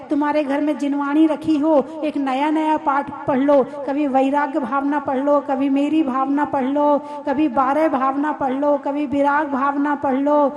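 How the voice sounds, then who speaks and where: Woman preacher, high and unhurried, chatty sermon style that teases the crowd and asks them questions. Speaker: Jain nun preaching. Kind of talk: sermon to a live audience. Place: hall with a live audience.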